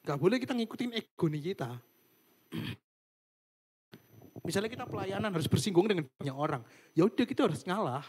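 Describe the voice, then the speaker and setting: A man's voice: high-pitched, expressive, moderate pace, long pauses, husky. A young man giving a casual devotional sermon over a video call, chatty and informal, often trailing off with fillers. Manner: chatty, fillers and english words. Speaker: youth devotional speaker.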